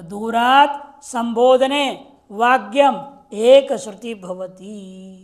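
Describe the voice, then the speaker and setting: A woman teaching Sanskrit grammar in a lecture. She quizzes her listeners and recites the rules slowly. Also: on the high side. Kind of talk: classroom lecture explaining grammar.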